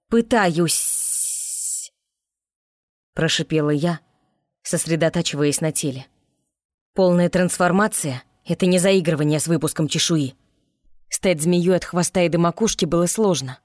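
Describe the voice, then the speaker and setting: A woman narrating a fantasy audiobook in first person with an expressive reading. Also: on the low side, moderate pace, dry recording, studio quality.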